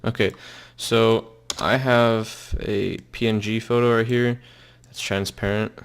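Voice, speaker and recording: Young male tutorial voice, lowish and gravelly, rambling with fillers, keyboard clicks behind. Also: little pitch movement. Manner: loose and halting, many fillers and trailing restarts. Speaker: software tutorial maker. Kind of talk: casual screen-recorded tutorial.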